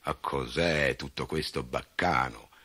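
A man playing a greedy old male farmer who grumbles and snaps gruffly. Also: medium pitch, huge pitch swings, moderate pace, pitched above the performer's own voice, exaggerated voice. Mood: grumbling.

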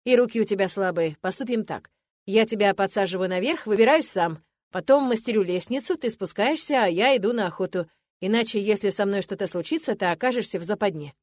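A woman reading the part of a young male prince who answers in a calm, dry, joking way. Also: medium pitch, fairly quick, no echo, close to an everyday voice. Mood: teasing. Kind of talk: audiobook character reading.

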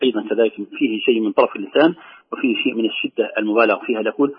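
A man teaching Quran recitation, briskly explaining pronunciation and sounding out the words he corrects. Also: on the low side, husky. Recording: muffled radio broadcast sound.

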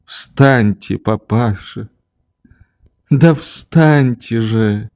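A man's voice: medium pitch, drawn-out words, darkish tone, dry recording, clean studio sound. A man reading the lines of a young woman who tearfully urges her father to rise and kiss her. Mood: urging. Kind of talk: audiobook reading.

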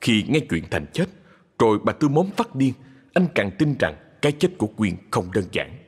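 Husky-voiced man narrating a ghost story. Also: fairly low pitch, sing-song. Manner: dramatic, slowing down for suspense. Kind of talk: scripted horror narration. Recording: husky voice in long reverb with music.

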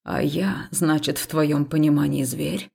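A woman voicing a young male necromancer who speaks in a cool, unhurried, indifferent way in an audiobook. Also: low voice, fairly even intonation, gravelly, a little mellow, slightly rough, voice pushed down, exaggerated voice. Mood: aloof, calm. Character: calm aloof male necromancer, young man. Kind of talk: audiobook character voice.

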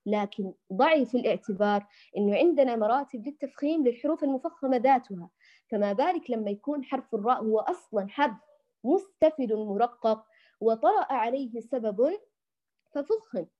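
A woman's voice: a little high, expressive, brisk. A woman teaching Quran recitation to women, patiently demonstrating letter sounds and tenderly addressing her listeners as dear ones. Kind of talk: tajweed lesson for women. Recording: dull lo-fi recording.

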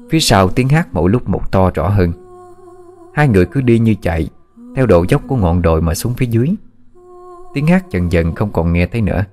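A man with a very low voice tells a ghost story at a measured, steady pace. Soft music runs faintly beneath his narration.

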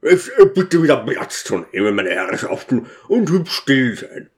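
A man's voice: mid-range voice, very animated, a little slow, darkish tone. Casting: boisterous, self-pleased church deacon, hearty and commanding, read by a male narrator. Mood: self-satisfied. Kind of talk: audiobook character voice.

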